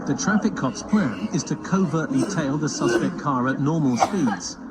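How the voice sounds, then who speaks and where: A man narrating a parody police documentary in a deadpan, scripted manner. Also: on the high side, moderate pace, heavy background noise. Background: loud background music.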